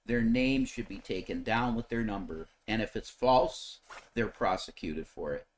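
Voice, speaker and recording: A man's voice: lowish voice, a little slow. A man co-hosting a stream, speaking emphatically and giving firm opinions in casual chat.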